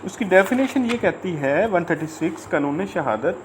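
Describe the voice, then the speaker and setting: In a casual lecture on law, a Pakistani-accented man with a high, animated voice explains things haltingly, repeating himself and slipping in English legal terminology. Slight background noise is audible.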